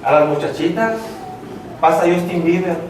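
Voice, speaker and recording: Male preacher, animated sermon, higher voice, heard from far off. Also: normal speed, a little hiss or hum. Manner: lively, acts out inner voices, addresses the congregation directly. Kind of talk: evangelistic sermon. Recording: echoey church hall from far off.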